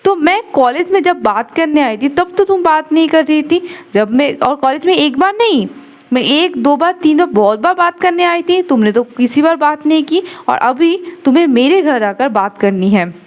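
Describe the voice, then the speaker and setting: A woman's voice: high voice, expressive, normal speed, voice pushed up. A woman voicing a stern, sarcastic female professor who is feverish and irritable, scolding with pointed questions.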